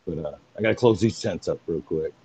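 A man rambling casually as a panel member on a livestream, pausing as he thinks. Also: low voice, darkish tone, breathy edge. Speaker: cannabis grower on a livestream panel. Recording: dull, slightly noisy livestream audio.

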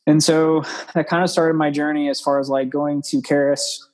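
A young man recounts his life in an easygoing interview, earnest and a little rambling, often slipping into what he told himself. His voice sits fairly high for a man, and he stays on a narrow, steady line of pitch. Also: normal speed. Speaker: interview guest. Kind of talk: casual interview storytelling.

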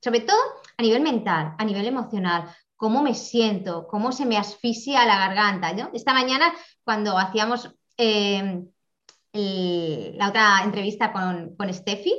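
A woman giving a reflective conversational talk, animated and repeating phrases for emphasis. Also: medium pitch, normal speed. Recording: muffled lo-fi audio.

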